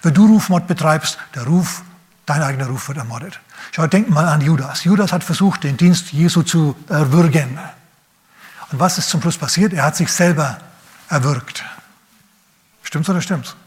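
Male pastor, sermon, fairly high voice, emphatic, questioning, shifts from urgent to hushed. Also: normal speed. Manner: emphatic preaching with rhetorical questions to the listener; swings between raised, urgent phrases and quiet, low asides.

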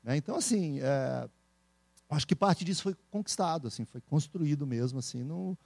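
A man with a Brazilian accent, a speaker and entrepreneur, telling stories in a casual interview with animated laughter. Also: a little high, gravelly, dry recording. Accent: Brazilian Portuguese. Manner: animated, laughing, quick storytelling.

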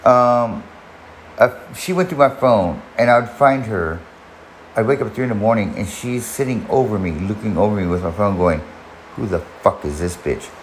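In a fairly low voice and at a moderate pace, this podcast host in his forties meanders through a lengthy personal story with frequent restarts and swearing. Faint background noise and room echo color the audio.

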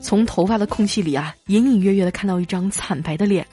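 A woman's voice: mid-range voice, quick pace, soft background music. Chuckling woman host telling jokes. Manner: lively, chuckling through punchlines. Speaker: host reading listener jokes. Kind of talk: comic storytelling.

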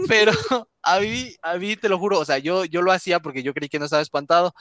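A young man with a Mexican accent telling a funny story in casual chat, animated, often laughing and acting out what he said. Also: sits high, normal speed, no room sound. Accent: Mexican Spanish. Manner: animated, laughs often, acts out his own lines.

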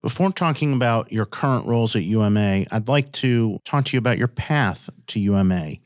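Guy interviewer with a lowish voice, asks measured questions, very dry recording. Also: lively intonation, dry recording. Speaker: interviewer, host.

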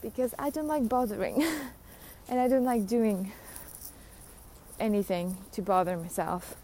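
A woman's voice: a little high, unhurried, warm tone, slight background noise. Laughing young woman ranting on a podcast. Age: young adult. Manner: rambling, self-mocking, laughs often. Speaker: podcast host. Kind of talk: casual solo rant.

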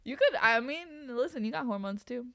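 A young woman co-hosting a podcast in casual chat, playful and quick to laugh, dropping into soft asides, her throat a little rough. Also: fairly high pitch, expressive, no room sound, clean studio sound. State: slightly throaty, clearing throat. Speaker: podcast co-host.

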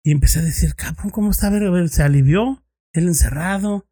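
A man's voice: high-pitched, fast talker, dark tone, slightly rough. Slangy Mexican man telling a story. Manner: slangy, swears freely, acts out both sides of dialogue. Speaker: former police investigator. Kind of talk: casual storytelling among friends.

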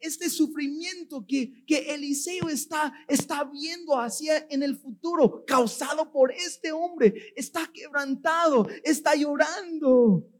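Preacher, high voice, slow sermon, shouts the key bits. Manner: emphatic, breaks into shouted stresses, many "o sea" fillers.

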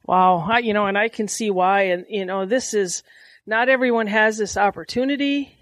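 A woman's voice: medium pitch, steady tone, moderate pace, no echo. A woman hosting a casual outdoor podcast from a small cabin, talking in a chatty, folksy storytelling way. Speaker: podcast host. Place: small lakeside cabin, indoors.

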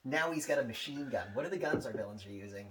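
A man casually and eagerly pitching a movie idea in comic banter, swearing and acting out bits. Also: animated, fast talker, recorded from a distance. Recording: off-mic, background noise.

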